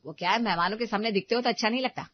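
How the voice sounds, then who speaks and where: A woman voicing a bossy, sharp-tongued young daughter-in-law who talks in a scornful, demanding way in a cartoon story. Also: fairly high pitch, a little fast, lo-fi sound, pitched above the performer's own voice, natural voice.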